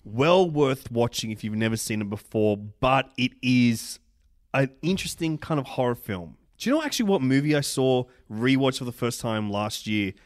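A man's voice: mid-range voice, expressive, normal speed, no room sound, clean studio sound. A man co-hosting a casual film podcast, enthusiastic, emphatic and sweary. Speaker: podcast co-host.

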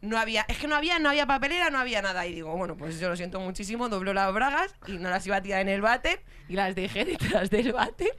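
A woman with a Spain Spanish accent telling a story in casual chat, animated, swearing and laughing as she goes. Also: mid-range voice, fast, few pauses. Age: adult with a young child. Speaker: podcast co-host telling a story.

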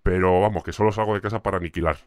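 A man playing a boastful giant cosmic villain in a comedy sketch, talking in a deepened put-on voice and bragging in pompous, rambling nonsense. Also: fairly even intonation, very fast, no echo, studio quality, lightly acted.

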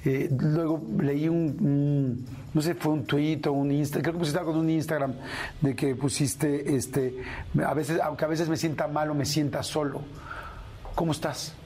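A man's voice: fairly high pitch, steady tone, moderate pace, dark tone, slightly rough. A man with a Mexican accent hosting a radio show and interviewing in a conversational way.

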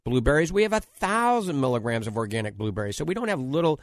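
A man with a New Orleans accent giving an informal, radio-style health talk and product pitch, emphatic and repetitive as he lists his points. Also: big pitch swings, fast talker, dry recording, studio quality. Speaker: health show host promoting diet and supplements.

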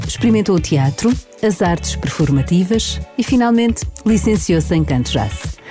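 A woman giving a measured, scripted introduction to a guest. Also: lowish voice, dark tone. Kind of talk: scripted narration.

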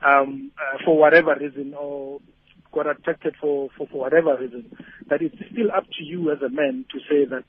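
A husky, slightly high-voiced man gives a reflective opinion as a phone-in caller. He speaks haltingly, repeating words as he reasons. It comes over a narrow, tinny phone line. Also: steady tone.

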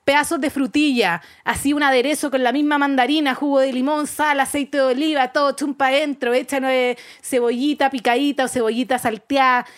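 A woman with a Chilean accent, co-hosting a casual chat, playful and quick to laugh. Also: sits high, steady tone. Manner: chatty, laughs easily, playful. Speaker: co-host.

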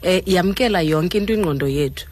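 A woman's voice: on the low side, fast talker, a little mellow. A South African woman hosting a radio interview, putting questions to her guests. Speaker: radio host.

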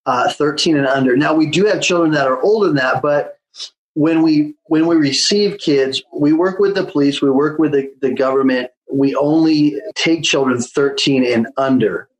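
A man with a fairly high voice, guest on a conversational interview and founder of a children's home, tells his story casually at a normal pace, full of fillers and restarts. The recording is rough.

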